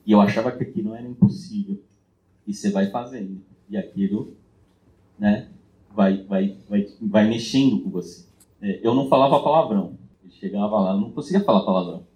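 A man's voice: mid-range voice, dark tone. Reflective man telling a story, roomy sound. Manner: reflective, frequent filler tags and restarts. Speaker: group meeting participant sharing a personal story. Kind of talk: casual personal storytelling. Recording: roomy echo.

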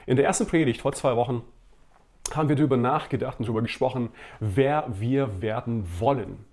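A man's voice: mid-range voice, a little fast, darkish tone. A male pastor giving a sermon, talking conversationally to his listeners with many fillers and direct questions.

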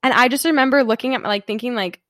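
A woman co-hosting a casual podcast, an animated storyteller who acts out quotes and says "like" a lot. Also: a little high, racing, no room sound, clean studio sound. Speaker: podcast co-host.

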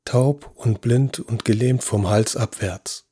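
Man doing a patient doctor voice, soft and soothing, low husky tone. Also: takes it slowly, no echo, studio quality. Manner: soft-spoken, reassuring. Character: calm, patient male neurosurgeon. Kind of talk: audio drama acting.

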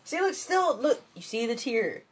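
Husky and very animated, her fairly high voice moves at a moderate pace as music plays in the background. She's a young Michigan vlogger chatting casually late at night, rambling, cursing and using many fillers.

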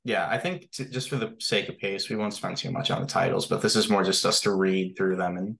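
A man co-hosting a podcast in easygoing, agreeable chat. His voice sits a little low. The sound carries a noticeable room echo. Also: creaky, fairly bright tone, a little hiss or hum. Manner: easygoing, agreeable, reads titles slowly. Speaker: podcast co-host.

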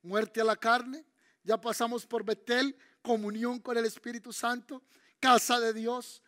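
An old male prophet speaks gently but insistently to his disciple, as a preacher acts him out in a sermon. The voice sits very high for a man. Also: level tone, measured pace. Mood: pleading.

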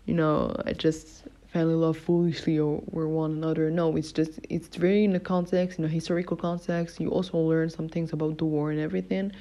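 The solo podcast host here is a young adult woman from Morocco whose voice is low-pitched and dark in tone. Her casual chatter is packed with fillers and self-corrections, and the recording sounds dull and lo-fi.

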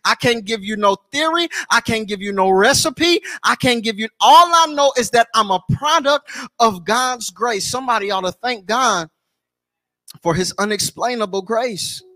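A man's voice: sits high, expressive, moderate pace, sharp tone, no echo. A man preaching a sermon in church, repeating his lines in a rhythmic build and sometimes breaking into a sung chant. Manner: repetitive, rhythmic preaching with call-outs to the congregation.

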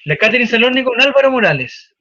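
A Chilean man hosting a casual talk show, animated and swearing as he tells a story. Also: extremely high pitch, fast talker, dull audio.

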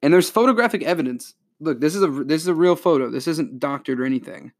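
A man chatting casually on a podcast, reading out folk legends in an animated, joking way. He keeps the tone loose and playful as he tells the stories. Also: a little high, quick pace. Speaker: podcast co-host.

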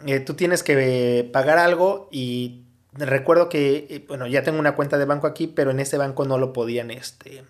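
A man's voice: medium pitch, steady tone, normal speed. Hesitant Mexican man chatting. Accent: Mexican Spanish. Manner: hesitant, many fillers. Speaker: podcast host. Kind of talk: casual podcast chat.

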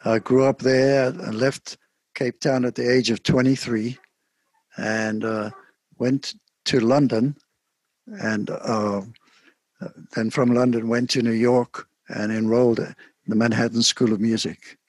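Older man, from South Africa, husky, soft-spoken, halting, mid pitch, dry close sound. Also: fairly even intonation, no room sound. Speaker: guest saxophonist. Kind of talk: casual interview.

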